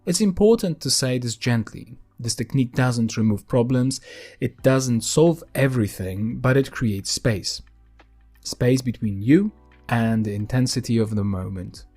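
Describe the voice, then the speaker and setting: A man hosting a podcast in a calm, gentle, unhurried way, narrating a scripted grounding exercise with deliberate pauses. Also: mid-range voice, faint music behind. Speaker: podcast host.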